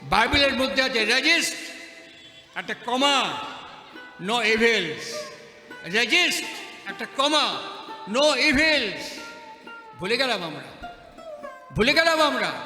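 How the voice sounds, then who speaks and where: A man's voice: very high voice, sharp tone. A man giving a sermon at a festival stage, mixing stories with rhetorical questions and repeating his phrases for emphasis. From West Bengal, India. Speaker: religious speaker. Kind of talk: sermon with storytelling. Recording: echoey hall with music behind.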